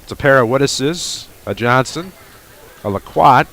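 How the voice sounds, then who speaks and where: A man's voice: mid-range voice, animated, fairly bright tone. Radio play-by-play man, courtside. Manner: quick, wry asides between plays. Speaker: play-by-play announcer. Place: high school gymnasium.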